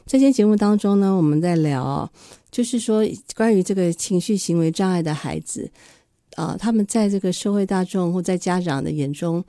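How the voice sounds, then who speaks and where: A woman with a Taiwanese accent hosting a radio interview in a measured, polite presenter's delivery. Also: fairly low pitch, warm tone, no room sound, clean studio sound. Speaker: radio host.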